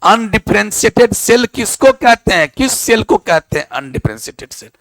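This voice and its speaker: A man's voice: high voice, sing-song, normal speed, a bit bright, dry recording. A male teacher giving a classroom lecture, quizzing and scolding his students.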